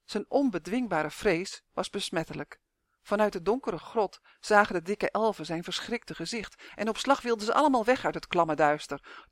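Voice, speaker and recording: A man narrating a children's fantasy audiobook in a lively, expressive storytelling manner. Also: sits high, no echo.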